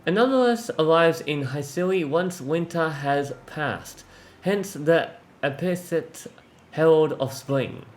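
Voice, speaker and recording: A man reading as a calm old sage woman. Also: a little high. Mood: calm, reflective. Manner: reads slowly and softly, measured. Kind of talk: reading game dialogue aloud.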